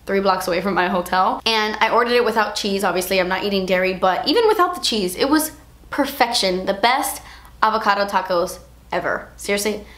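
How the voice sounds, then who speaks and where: A woman's voice: medium pitch, expressive, fairly quick, fairly bright tone. Chatty young woman in a roomy room. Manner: chatty and emotional, heavy use of "like". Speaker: beauty vlogger. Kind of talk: casual chat to camera. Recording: roomy echo.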